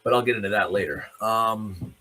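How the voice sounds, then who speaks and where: A Canadian man hosts a news commentary show, ranting off the cuff in a low, sharp voice at normal speed. He's blunt, sardonic, and profane, firing pointed rhetorical questions, and the recording quality is poor.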